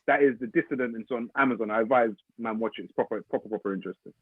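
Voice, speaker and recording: A man's voice: mid-range voice, rapid-fire, husky, no echo. A man with a London accent chatting casually as a podcast co-host, slangy and given to emphatic repetition. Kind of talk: casual chat. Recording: narrow phone-like band, dry.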